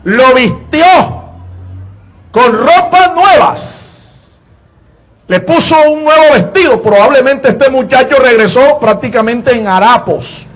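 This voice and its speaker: A man preaching a sermon in an emphatic style, repeating his phrases and often pausing on filler words. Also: very high voice, expressive, a bit bright.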